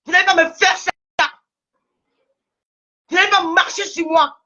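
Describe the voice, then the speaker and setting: A woman's voice: very high voice, steady tone, measured pace, pushed and bright, lo-fi sound. A woman with a Cameroonian French accent in a heated, scolding social media rant, repeating herself, her voice cracking at times. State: angry.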